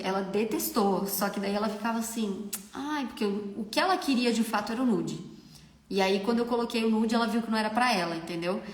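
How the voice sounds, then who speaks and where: Chatty Brazilian woman, echoey room. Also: medium pitch. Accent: Brazilian Portuguese. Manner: chatty, frank, often asks "entendeu?". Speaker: makeup artist hosting a live Q&A. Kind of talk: casual live-stream advice.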